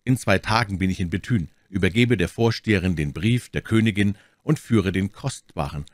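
A bold, impetuous young swordsman, played by a male reader in a storybook reading. He speaks with confident drive, lifting his voice above the reader's deep own tone. Dry, close sound. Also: no room sound, close to an everyday voice. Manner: confident, urging, quickly excited.

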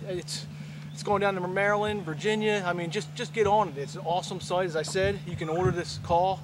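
A middle-aged man guiding a turkey hunt, talking excitedly to the camera in a forest and plugging his website. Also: sits high, brisk. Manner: enthusiastic, plugs his website. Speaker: turkey hunting guide and host. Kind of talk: excited outdoor hunting video talk. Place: outdoors in a leafy forest. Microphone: camera mic from a few meters. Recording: outdoor camera audio with loud background noise.

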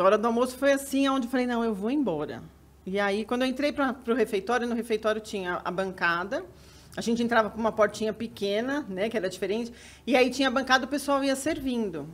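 Quick, high-voiced Brazilian woman telling a story. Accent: Brazilian Portuguese. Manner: animated, laughs often, acts out quoted lines. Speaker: lecturer. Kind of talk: casual storytelling on a video call.

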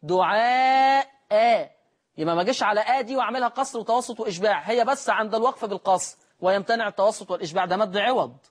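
An Egyptian-accented man leads a recitation class in a high, light voice for a man. He quizzes his listeners and then answers his own questions, and he slows right down to chant the quoted verses in long, drawn-out notes. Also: breathy edge. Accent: Egyptian Arabic. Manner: asks the class questions and answers them himself. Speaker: Quran recitation teacher. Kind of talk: classroom lesson explaining recitation rules.

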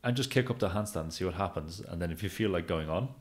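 A man's voice: deep voice, fast talker. A man co-hosting a podcast as a handstand coach, explaining points with quoted examples and stories. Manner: lively storyteller, acts out quotes. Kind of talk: casual podcast conversation.

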